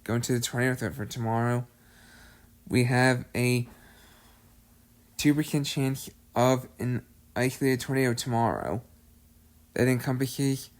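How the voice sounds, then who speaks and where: A man hosting his own severe weather update, methodically reading out the risks and regions in a repetitive way, sounding slightly out of breath. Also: medium pitch. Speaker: amateur weather forecaster, channel host.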